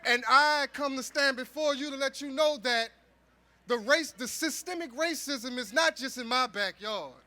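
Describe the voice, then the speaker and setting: A middle-aged man from New Orleans giving an emphatic rally speech as an organizer, with repeated, shouted calls. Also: extremely high pitch, moderate pace. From New Orleans, Louisiana. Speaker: activist organizer speaking at rally. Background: rally crowd.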